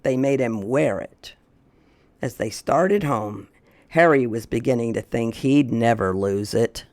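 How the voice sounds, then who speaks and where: Reading a picture book and chatting casually with young children, a man hosts storytime in a folksy manner, repeating questions and talking aloud to a companion. His mid-range voice is a little slow and slightly mellow, with no echo.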